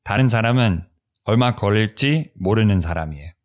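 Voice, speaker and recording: Co-host: man, lowish voice, foreign accent, conversational, searches for words. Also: lively intonation, moderate pace. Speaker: co-host, Korean learner. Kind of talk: casual discussion.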